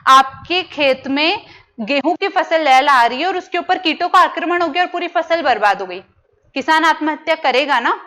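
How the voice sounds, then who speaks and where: A woman's voice: high voice, animated, moderate pace, sharp tone. A young woman giving an exam-prep lecture who poses questions to her students, answers them herself and repeats the key terms. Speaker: teacher.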